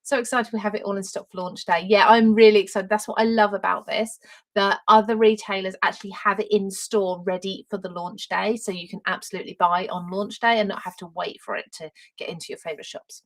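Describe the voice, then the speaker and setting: A woman's voice: mid-range voice, steady tone, fairly quick, low-quality recording. A woman with an Essex accent, chatting enthusiastically as she presents her own papercraft collection on a live stream and greets viewers by name. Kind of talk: live-stream product demonstration.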